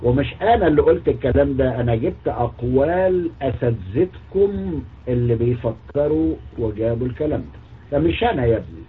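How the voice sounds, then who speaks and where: A man's voice: mid-range voice, lively intonation, brisk, breathy edge. A man with an Egyptian Arabic accent giving a mocking, scornful polemical monologue, lecturing as a religious critic. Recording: tinny phone-like audio.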